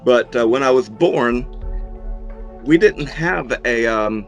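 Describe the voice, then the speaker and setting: A middle-aged man in a casual interview, talking in an unhurried, folksy way with dry humour, as a horror host. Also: mid-range voice, muffled recording, soft background music. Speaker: horror host and monster museum owner being interviewed.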